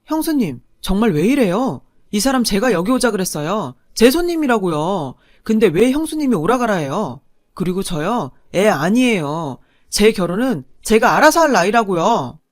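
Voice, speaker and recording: Woman doing angry young man in a radio drama, loud, indignant, dry close mic. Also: medium pitch, big pitch swings, normal speed, no room sound, natural voice. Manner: indignant, raised voice. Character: young man, defiant brother-in-law, angry.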